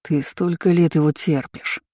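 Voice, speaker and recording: A woman's voice: low-pitched, fairly even intonation, normal speed, dark tone, no room sound, studio quality. A woman voicing a smug, predatory male lover in an audiobook story, speaking in a sly, purring way.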